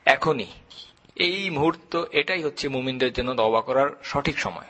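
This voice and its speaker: A man giving an earnest, measured religious lecture, stressing his points through repetition. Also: mid-range voice, animated, a bit bright. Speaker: Islamic lecturer.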